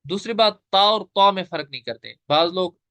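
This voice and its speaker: Man, tajweed teacher, online class, patient step-by-step explaining, slightly high voice, dry close sound. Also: lively intonation, a little fast, a bit bright, dry recording.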